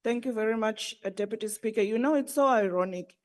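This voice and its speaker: A woman with a fairly high voice addresses the chair in parliament. She makes a formal complaint in an indignant, reproachful way. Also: fast, darkish tone. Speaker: member of parliament raising an objection. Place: parliament chamber.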